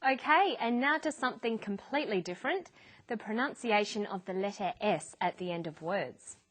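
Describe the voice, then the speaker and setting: A woman narrating an English lesson in a clear, deliberate teaching voice. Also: mid-range voice, animated, loud music behind the voice. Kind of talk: scripted educational narration.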